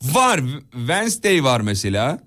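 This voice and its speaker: A man's voice: mid-range voice, sing-song, unhurried, bright, forceful tone. A man hosting a casual morning show, reading out film charts and teasing his co-host. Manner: teasing, reads out lists. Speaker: radio host.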